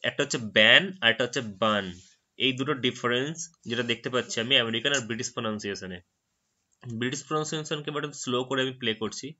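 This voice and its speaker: A man's voice: medium pitch, pushed and bright, highs cut off. A man whose first language is Bengali, teaching English vocabulary in a screen-recorded tutorial and patiently explaining each word. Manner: explains patiently, repeats words slowly after a dictionary audio.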